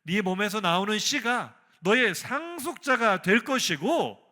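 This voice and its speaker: A man voicing God as a calm, fatherly figure who speaks gently and reassuringly. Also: sits high, full character voice. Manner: gentle, measured, soothing.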